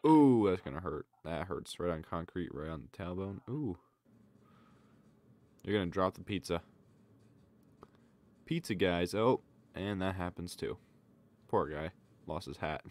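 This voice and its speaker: A man's voice: low-pitched, expressive, unhurried, pauses often, darkish tone. A young man giving loose, casual running commentary on fail clips, full of exclamations. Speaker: reaction video creator.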